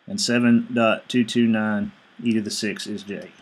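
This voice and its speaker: A man's voice: on the low side, flat delivery, moderate pace, husky. A male engineering instructor giving a screencast lecture, explaining each step evenly and reading out numbers as he works.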